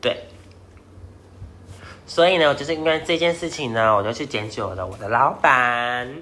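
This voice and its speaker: A man, co-hosting a podcast and telling a story in casual chat, animated and repeating words as he rushes ahead. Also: mid-range voice.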